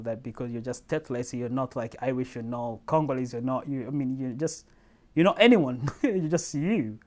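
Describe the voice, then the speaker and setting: Young interviewee from Tanzania, animated storyteller, mid-pitched, laughs often. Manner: lively storyteller, laughs often, acts out quoted dialogue.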